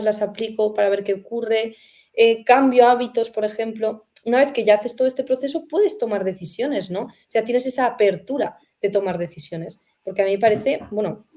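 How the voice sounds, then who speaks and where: A woman's voice: fairly high pitch, dark tone. A woman hosting a conversational interview, reflective and full of rhetorical questions. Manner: reflective, uses many fillers and rhetorical questions. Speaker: host.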